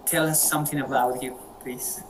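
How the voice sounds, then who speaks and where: This Colombian moderator, speaking in a medium pitch with a level tone, hosts a casual English practice group over video call. His Spanish accent shows, and he stays friendly while frequently repeating words. The rough audio has a little hiss or hum.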